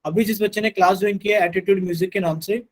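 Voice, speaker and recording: A man's voice: sits high, fairly even intonation, very fast, poor audio. A man teaching a live online math class, patiently repeating instructions to his students.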